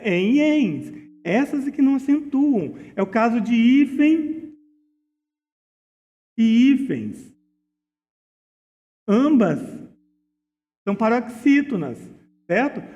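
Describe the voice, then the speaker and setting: High-voiced Brazilian man teaching grammar. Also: a little mellow, big-room sound, lo-fi sound. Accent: Brazilian Portuguese. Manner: didactic, slows to spell out words and rules, uses diminutives. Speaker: exam prep teacher. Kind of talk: recorded exam-solution lesson.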